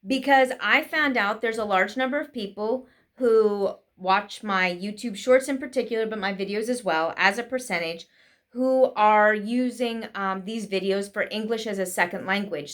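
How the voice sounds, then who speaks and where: A woman giving a casual spoken lesson with tips for English learners, talking quickly with frequent fillers. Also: mid-range voice, fairly bright tone. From United States. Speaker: vlogger teaching English learners.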